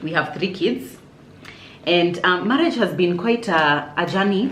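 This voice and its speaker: Woman, excitable, voice all over the place, roomy echo and a noisy background. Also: fairly low pitch, a little slow. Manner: lively, excitable, laughing. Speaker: guest influencer. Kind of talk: casual chat over food.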